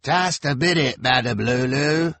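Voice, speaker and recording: A man's voice: medium pitch, a little slow, a bit bright, no echo, voice pushed up. A man voicing a sleepy carnival worker with a hunchback, calling out from behind a closed door in an audiobook. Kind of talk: audiobook character voice.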